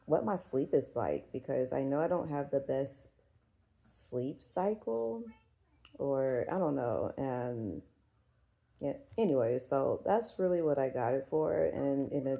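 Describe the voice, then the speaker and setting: Gravelly-voiced woman rambling casually. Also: extremely low pitch, dark tone, rough recording. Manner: rambling, profane, full of fillers. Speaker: vlogger. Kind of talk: casual chat.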